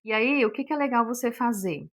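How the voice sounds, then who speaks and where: A woman's voice: on the high side, lively intonation, a little fast, fairly bright tone. A woman giving a casual online lesson on sales, talking in a chatty way, full of fillers and acting out sample phrases. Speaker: sales instructor.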